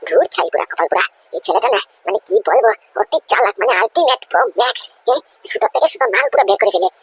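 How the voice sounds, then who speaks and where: Performer doing a flustered lying cartoon aunt, stammering, husky, quick. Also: mid-range voice, big pitch swings, heavily acted. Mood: blustering. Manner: stammering, nervous, then bragging. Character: flustered greedy middle-aged aunt caught lying. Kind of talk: cartoon comedy voice acting.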